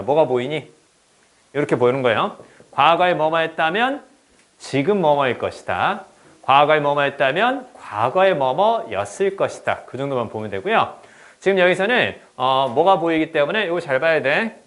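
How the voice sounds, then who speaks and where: Lively man giving a grammar lecture. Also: mid-range voice. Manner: lively, repeats "그쵸?" to check understanding; reads English examples slowly and stressed. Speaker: English teacher. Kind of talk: exam-prep grammar lecture.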